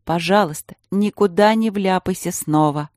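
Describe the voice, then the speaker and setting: A woman reading an audiobook voices a queen, a tired older sister who speaks warmly but anxiously. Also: lowish voice, moderate pace, no room sound, clean studio sound, lightly acted. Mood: weary.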